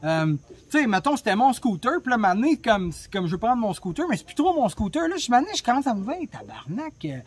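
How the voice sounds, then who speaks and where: A man's voice: very high-pitched, very animated, fast talker. A man with a Québécois French accent hosting a travel podcast, telling his story in a chatty, blunt way with lots of swearing, recorded on a phone. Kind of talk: casual storytelling monologue.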